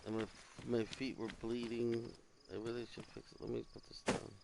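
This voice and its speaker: A man streams a survival game, chatting casually and sounding tired as he rambles and swears now and then. His mid-range voice is gravelly and completely flat, moving briskly, and the recording is very noisy with loud game sounds of crickets and animals.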